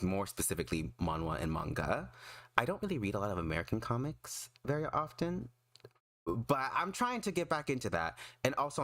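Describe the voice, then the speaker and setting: Animated low-voiced man, excitable streamer. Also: no room sound, studio quality. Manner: excitable, self-deprecating, emphatic. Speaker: streamer and artist. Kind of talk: casual livestream chat.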